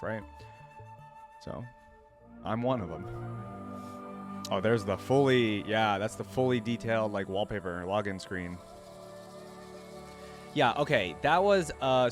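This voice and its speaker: A man with a lowish voice hosts a casual reaction video, talking conversationally and thinking out loud. Now and then he reads something aloud.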